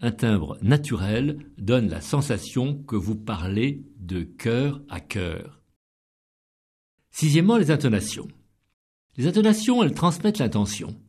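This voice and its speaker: A middle-aged man giving scripted instruction on public speaking, deliberate and emphatic as he counts off each point. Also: medium pitch, sing-song, dark tone, slightly rough.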